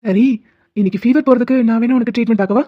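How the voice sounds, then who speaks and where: A woman voicing a teasing, doting young husband in an animated cartoon who worries easily. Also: fairly high pitch, rapid-fire, dry recording, dull audio, natural voice. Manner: teasing, fussing, affectionate.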